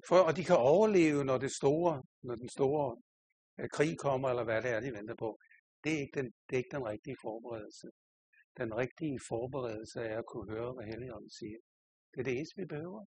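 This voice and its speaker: A man's voice: mid-range voice, breathy edge. An older man, a pastor, preaching a sermon and telling a personal story with self-mocking humor and frequent laughter.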